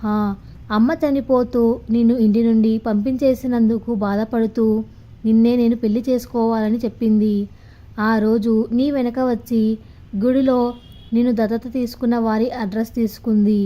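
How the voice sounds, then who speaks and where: A woman's voice: fairly high pitch, level tone, normal speed, warm tone, natural voice. A woman voicing a lovesick young man who pleads earnestly with his beloved. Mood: gentle.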